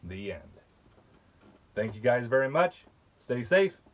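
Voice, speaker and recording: A man reading a children's picture book aloud, slowly and patiently, pausing to point out the pictures. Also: medium pitch, sing-song, lo-fi sound. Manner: slow, patient, with asides about the pictures. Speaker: storybook reader.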